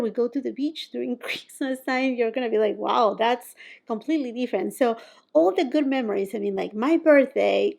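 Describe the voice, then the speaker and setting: A woman's voice: high-pitched, creaky, darkish tone. A woman from Peru, chatting casually to camera as a beauty vlogger, often laughing and quoting herself.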